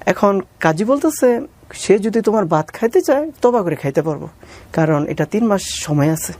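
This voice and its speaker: With lively intonation at a normal speed, a Bangladeshi man earnestly relates his life story in an interview, reenacting dialogue. His high-pitched voice has a darkish tone, and he is deferential, calling the interviewer "sir."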